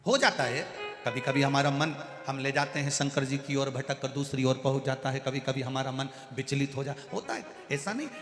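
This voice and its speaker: A man's voice: medium pitch, fairly even intonation, a little fast, hardly any pauses. A man preaching a devotional sermon at a large live gathering, telling a folksy, humorous story. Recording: echoey hall with faint music.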